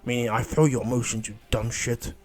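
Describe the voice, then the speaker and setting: Man doing a gruff, scolding giant demon fox. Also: medium pitch, little pitch movement, brisk, darkish tone, natural voice. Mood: irritated, grudging. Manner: scolding, insulting, blunt. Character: gruff, short-tempered giant demon fox spirit, grudgingly helpful.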